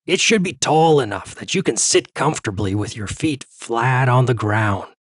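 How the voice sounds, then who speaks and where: A man voicing a calm male therapist who talks a patient through breathing exercises in a story reading. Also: mid-range voice, breathy edge, no room sound, studio quality. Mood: soothing. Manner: slow, soothing instructions.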